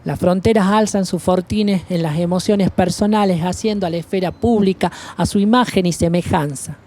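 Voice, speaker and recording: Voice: mid-range voice, normal speed, a little mellow. A speaker from Argentina reading a scripted manifesto in a solemn, declamatory cadence with long lists. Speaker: narrator of an activist video piece. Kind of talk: scripted spoken-word manifesto narration.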